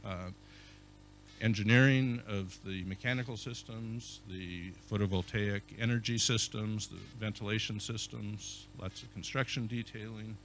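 A man giving a conference keynote as an architecture professor, speaking in a measured way with many fillers and restarts. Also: lowish voice, fairly even intonation, fairly bright tone, a little hiss or hum. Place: conference hall.

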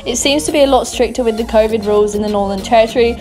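Young Aussie woman, chatty travel narrator, upbeat tips over loud music. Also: a little high, racing. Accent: Australian. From Darwin, Australia. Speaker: travel vlogger.

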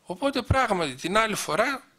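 This middle-aged man, appearing as a guest speaker, relates personal recollections in anecdote form, peppering quoted dialogue with "he says." He sounds very animated, with a high-sitting voice and a bright, forceful tone.

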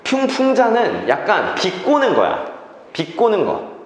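A man's voice: high voice, huge pitch swings, a little slow, a little hiss or hum. A man teaching an English reading class, checking in with students and repeating key phrases. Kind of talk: classroom lecture. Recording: echoey classroom reverb.

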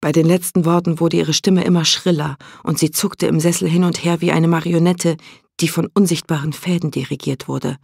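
A man narrating an audiobook in a measured, dramatic storytelling manner. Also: on the high side, flat delivery, vocal fry, a little mellow, husky, dry recording, clean studio sound.

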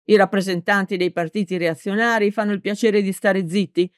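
A woman reading an audiobook, voicing a gruff, blustering middle-aged village mayor who talks bluntly. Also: mid-range voice, fairly even intonation, a little fast, no room sound, clean studio sound, voice pushed up, natural voice. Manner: blunt, defensive. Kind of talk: audiobook character voice.

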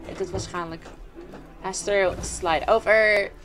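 A woman commentating a video game, excitable and reacting loudly to what happens. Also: medium pitch, measured pace. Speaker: gamer. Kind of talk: let's play commentary. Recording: game music behind the voice.

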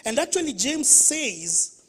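A woman's voice: high voice, slow pace, slightly rough. A woman pastor with a Kenyan accent preaching a sermon in church, telling stories and putting questions to the congregation. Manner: lively storytelling, questions to the congregation.

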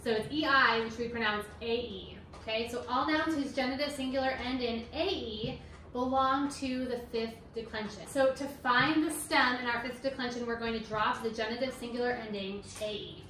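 A woman's voice: a little high, steady tone, normal speed, pushed and bright. A woman in her thirties, a homeschooling mother, teaching a Latin lesson at her kitchen table and patiently quizzing her children with frequent okays. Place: home kitchen. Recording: roomy, distant mic, faint noise.

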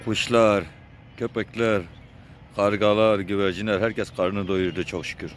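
A man outdoors, calling and coaxing street animals in a soft, high, pleading voice while he feeds them. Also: flat delivery, measured pace, a little hiss or hum.

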